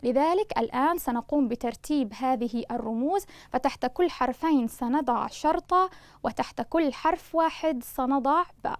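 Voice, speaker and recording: A woman teacher giving a recorded grammar lesson, speaking slowly and deliberately and spelling out sounds for her students. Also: high-pitched, dry recording. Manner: slow, deliberate, spelling out syllables; addresses students warmly as loved ones. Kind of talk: online Arabic lesson.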